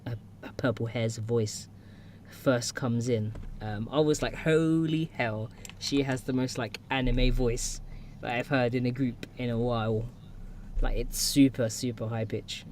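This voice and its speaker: A man co-hosts a live-streamed podcast, rambling through his thoughts with plenty of fillers and restarts. His pitch sits in the middle range, and a faint hiss runs under the voice. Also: flat delivery, normal speed. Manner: rambling, filler-heavy, enthusiastic. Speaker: podcast co-host. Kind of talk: casual chat about music videos.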